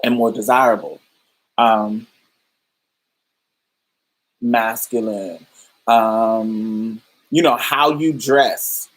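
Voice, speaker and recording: Extremely slow and very deep, with long pauses and a slightly rough quality, a woman hosts a casual livestream podcast over poor audio. She talks to listeners, explaining ideas in a loose, reflective manner packed with fillers and restarts.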